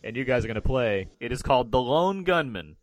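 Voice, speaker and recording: A man's voice: mid-range voice, very animated, brisk, no room sound. A man hosting a casual podcast, playful and running a movie quote quiz. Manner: playful, reads quotes in put-on impressions. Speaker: podcast host.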